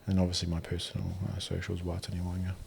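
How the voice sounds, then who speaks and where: A man with a gravelly voice, talking casually and reflectively as a podcast guest in an earnest, matey way. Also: low voice, completely flat delivery, fast talker, a little mellow. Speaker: podcast guest, men's mental health advocate. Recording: clearly audible ambient background noise.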